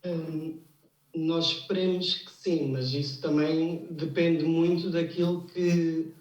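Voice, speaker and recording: A man, an anthropologist guest on a studio talk show, speaking in a measured way with small restarts. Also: fairly high pitch, fairly even intonation, darkish tone. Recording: roomy, distant and slightly dull sound.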